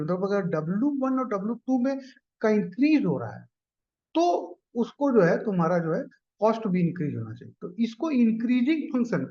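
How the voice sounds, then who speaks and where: A man's voice: high-pitched, darkish tone. A man teaching exam-prep economics math, explaining each step and checking in with students. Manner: explains step by step, often asks "clear?" and "ठीक है". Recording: dull lo-fi recording.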